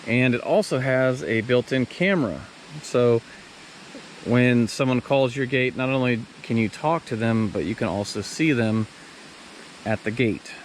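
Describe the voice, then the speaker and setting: A man talks a little slowly in a medium-pitched voice as he gives a plainspoken, hands-on walkthrough, reviewing a product and installing it step by step. It's casual how-to narration on a rough recording with clear background noise and ambient sound.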